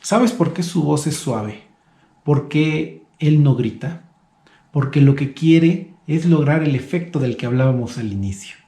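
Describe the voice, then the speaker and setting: Man preaching, reflective devotional sermon, quite high voice, echoey room. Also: expressive, unhurried, dark tone.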